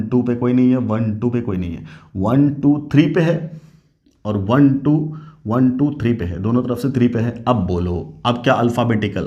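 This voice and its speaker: A male chemistry teacher gives an online lecture, firing questions at his students and answering them himself in a call-and-response rhythm. He keeps his voice low and hushed because it is late at night. His tone is warm and mellow, at an ordinary middle pitch. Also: highs cut off. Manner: speaking softly late at night.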